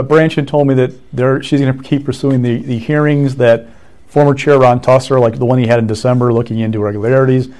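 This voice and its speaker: A man's voice: mid-range voice, warm tone. A male political reporter giving analysis on a talk show, explaining plainly and speeding up through lists.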